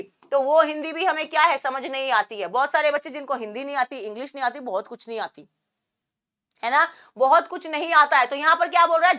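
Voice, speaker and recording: Playful high-voiced woman teacher. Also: bright, forceful tone. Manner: playful, jokey, quizzing students with quick questions. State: sore throat, coughing. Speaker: English teacher. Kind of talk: online vocabulary class.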